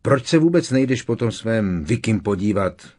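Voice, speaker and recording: A man's voice: lowish voice, animated, a little mellow, pitched above the performer's own voice. A man voicing a sulky, jealous teenage boy wizard who sneers and snaps, in an audiobook reading. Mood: jealous, sneering. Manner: sneering, snapping.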